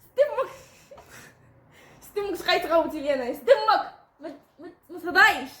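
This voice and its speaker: A woman's voice: extremely high pitch, expressive, fast, fairly bright tone, reverberant, shouting. A woman with a Moroccan Arabic accent, bossing around and teasing in a casual vlog. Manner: bossy, teasing, giggling. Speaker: vlogger.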